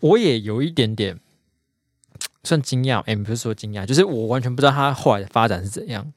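A man's voice: mid-range voice, expressive, a little fast, dry recording, clean studio sound. Wry podcast co-host man. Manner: wry, chatty, laughs easily. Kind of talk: casual podcast banter.

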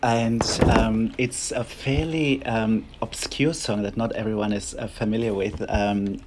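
With a lowish, slightly mellow voice and fairly even intonation, a middle-aged man speaks at a measured pace over slight background noise. He's a guest choreographer and dancer with a German accent, chatting casually in English, his second language, hesitating with frequent restarts and fillers.

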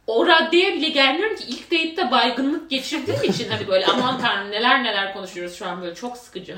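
A young woman chatting casually as a podcast host, telling anecdotes with lively acted-out quotes. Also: a little high, roomy sound. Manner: animated storyteller, acts out quoted dialogue. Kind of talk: casual chat.

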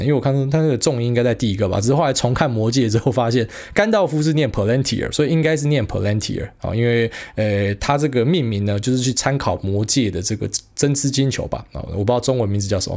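Fast, slangy Taiwanese man. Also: mid-range voice, vocal fry, darkish tone. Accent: Taiwanese Mandarin. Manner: fast, slangy and blunt, with frequent fillers and mild swearing. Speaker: podcast host. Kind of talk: casual solo market commentary.

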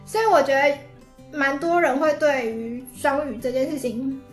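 A woman's voice: high voice, unhurried, echoey room, faint music behind. A woman with a Taiwanese Mandarin accent explaining things casually as a podcast guest.

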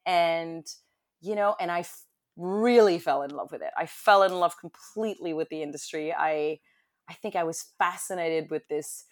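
Guest: young woman, American accent, chatty, a little low-pitched. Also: normal speed. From France. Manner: chatty, with frequent fillers and restarts. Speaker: guest, hospitality business owner. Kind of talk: casual conversational interview.

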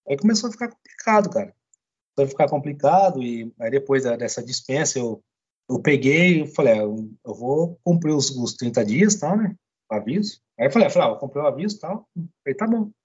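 A man with a slightly husky Brazilian Portuguese voice tells a story in relaxed, chatty fashion. He keeps slipping into other people's voices to replay conversations and leans on fillers like "cara". The sound is a little dull and lo-fi. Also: medium pitch. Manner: animated, quotes others in dialogue, frequent "cara" and "né". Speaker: podcast guest, butcher. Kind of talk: casual storytelling.

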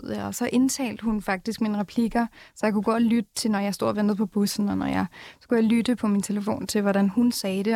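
A woman's voice: medium pitch, darkish tone, no echo, clean studio sound. A woman actress as an interview guest, candid and self-deprecating, laughing easily. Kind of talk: casual interview chat.

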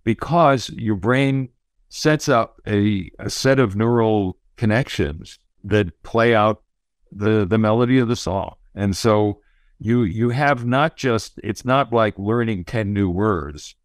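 Male expert guest, low voice, thoughtful conversational explainer, dry sound. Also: slow, no room sound. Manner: thoughtful, explanatory, often says you know.

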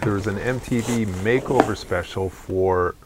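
A man's voice: fairly low pitch, moderate pace, noisy background. A man co-hosting a casual chat who keeps throwing in dry, teasing questions and quips. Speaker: podcast co-host.

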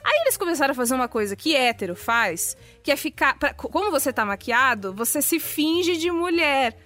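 A woman host telling a story in casual chat, animated and playful, slipping into quick impressions. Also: high-pitched, faint music behind.

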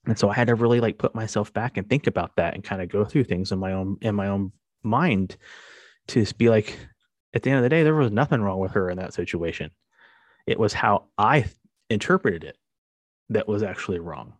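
Chatty low-voiced father rambling. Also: brisk, dry recording. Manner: rambling, conversational with many fillers. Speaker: podcast host. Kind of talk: casual monologue.

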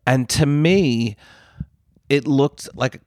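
A man's voice: medium pitch, very slow, darkish tone, dry recording, clean studio sound. A man co-hosting a casual pop culture chat podcast, with a theatrical, emphatic, campy delivery. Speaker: podcast co-host.

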